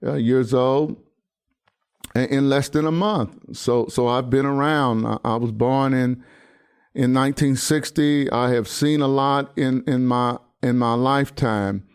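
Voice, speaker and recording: Earnest pastor in his sixties, smooth voice. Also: medium pitch, fairly even intonation. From United States. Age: 60s. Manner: halting, many restarts and fillers, earnest. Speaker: pastor and podcast host. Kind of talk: personal commentary monologue.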